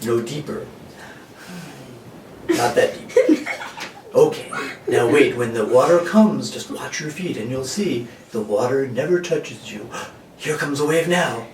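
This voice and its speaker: A man's voice: medium pitch, animated, takes it slowly, pauses often, darkish tone. A man voicing a mischievous know-it-all sock puppet in an amateur comic skit, coaxing and mock-instructive. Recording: echoey room, distant mic, faint noise.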